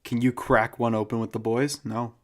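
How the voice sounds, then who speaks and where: A young man co-hosting a podcast, chatting casually with quick, teasing banter. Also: medium pitch, little pitch movement. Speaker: podcast co-host. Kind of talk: casual chat.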